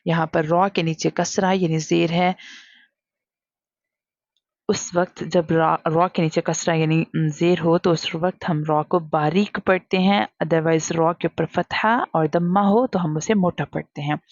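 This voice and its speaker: A woman teaching Quran reading in a recorded lesson, drawing out each syllable slowly and then explaining quickly in mixed Hindi and English. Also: fairly low pitch, steady tone, darkish tone, no echo, muffled recording. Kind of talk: recorded lesson, spelling out letters.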